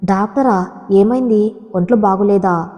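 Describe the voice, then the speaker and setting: A woman's voice: mid-range voice, unhurried, dark tone, close to an everyday voice. Curt cold young husband, read by a woman. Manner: curt and harsh. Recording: long hall reverb.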